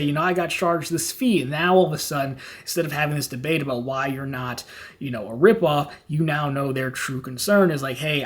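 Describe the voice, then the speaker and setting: Host, male, slightly high voice; casual filler-heavy Q&A delivery. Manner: conversational, many fillers, acts out quoted customers. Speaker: finance channel host answering viewer questions. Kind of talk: casual Q&A advice.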